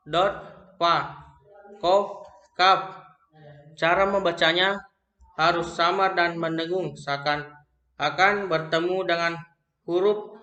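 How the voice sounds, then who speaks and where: A young man with an Indonesian accent reads a lesson on recitation rules aloud, slowly and haltingly, often restarting words. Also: sits high, pushed and bright. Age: young adult. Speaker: student presenting an assignment. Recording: echoey room.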